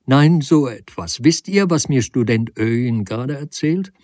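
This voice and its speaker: Male reader doing playful hostess, raised pitch, mellow husky tone. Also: lively intonation, unhurried, no room sound, clean studio sound. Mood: teasing. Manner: teasing, bubbly. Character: lively chatty hostess, teasing woman.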